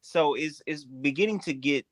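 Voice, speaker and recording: A man's voice: on the high side, normal speed, no echo. A young man who serves as a navy sailor, speaking thoughtfully on a church panel. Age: young adult.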